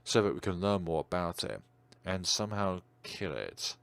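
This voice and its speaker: A game streamer reads visual novel narration with drama in a low, very animated voice that's clear and resonant with some vocal fry. At a moderate pace over background music, he occasionally stumbles and corrects himself.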